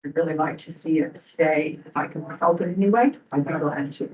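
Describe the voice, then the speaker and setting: A woman's voice: low-pitched, brisk. A woman giving a hesitant public comment at a board hearing, full of ums and restarts, in a courtroom-style recording. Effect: courtroom-style hearing room recording. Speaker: local business owner speaking at a public hearing. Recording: dull distant hearing room recording.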